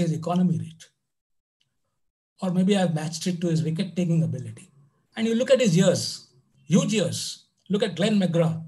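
A man's voice: high voice, mellow, rough recording. A man giving a conversational online math lecture, full of "you know" asides. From India.

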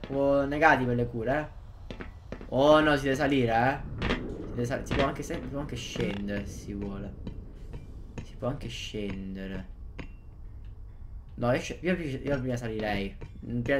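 A man, giving excitable gameplay commentary and often repeating his exclamations. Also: medium pitch. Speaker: gaming youtuber. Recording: loud background noise.

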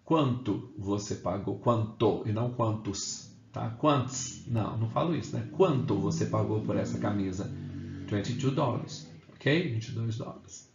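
A man's voice: on the low side, a little slow, vocal fry, slight background noise. Man teaching English grammar in an echoey room. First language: Portuguese. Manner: explains step by step, often adds "né?" and "ok?". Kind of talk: classroom grammar lesson. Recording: echoey room, slightly dull sound.

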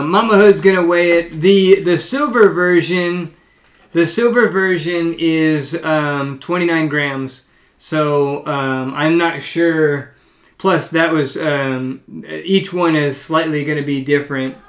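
A man hosting a casual live stream, talking hesitantly with lots of ums and restarts as he runs a sale. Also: on the high side. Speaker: live stream host selling coins.

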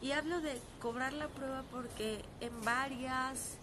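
A Mexican-accented actress in her thirties live-streams from an outdoor terrace, holding her phone at arm's length and talking casually and earnestly. Hoarse from a sore throat and dry cough, she speaks in a high, steady tone, pausing often with fillers in a halting way. Background noise is audible.

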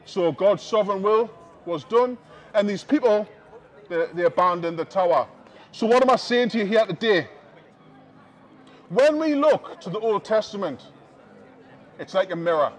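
Calling out to the crowd streaming along a busy shopping street, a high-voiced man with a Northern English accent gives a loud open-air sermon. He uses a small headset mic to reach the passers-by.

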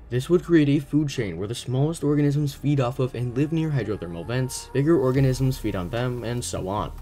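A young man reading a scripted gaming video essay in a steady, explanatory way. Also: mid-range voice. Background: faint background music.

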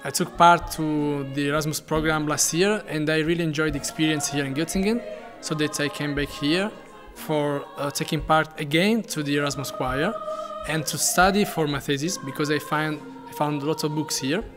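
A young man from Italy speaks to camera fluently, now and then restarting a phrase. His voice sits a little high for a man, and music plays clearly behind him. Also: moderate pace. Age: young adult. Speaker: choir guitarist. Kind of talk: interview to camera.

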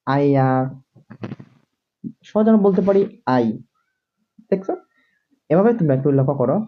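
A man's voice: sits high, lively intonation, brisk, slight background noise. Male tutor, lo-fi home lesson, repeats each word, keeps checking "see?". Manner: repetitive, drills words over and over; keeps asking "see?" to the viewer. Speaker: English teacher. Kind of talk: classroom-style video lesson. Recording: dull lo-fi recording.

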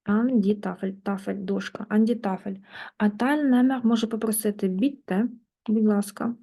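A woman teaching German in a lesson, patiently working through exercises and repeating words slowly. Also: medium pitch, fairly even intonation, mellow. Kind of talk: online language lesson, explaining in Ukrainian.

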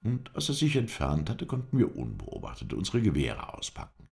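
Deep gravelly guy reading an audiobook, lively up and down melody. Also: normal speed. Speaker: audiobook reader. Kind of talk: scripted narration.

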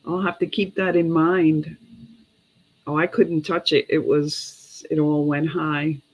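A husky, low-sitting voice with a level tone belongs to a middle-aged woman auctioning vintage glass in a casual online sale, captured on a rough recording. She takes her time from a small home room, with pauses and chat between calling bids and prices.

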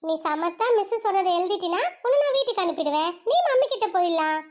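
A schoolteacher, played by a woman in a puppet-show cartoon, speaking in a high, soft voice. She coaxes her class gently and turns firm when she scolds. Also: expressive, fast talker. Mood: coaxing. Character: patient scolding female schoolteacher. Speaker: teacher.

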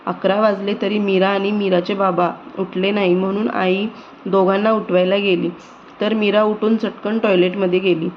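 A woman narrating a children's story in a steady storybook reading. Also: mid-range voice, moderate pace. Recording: dull lo-fi recording with faint noise.

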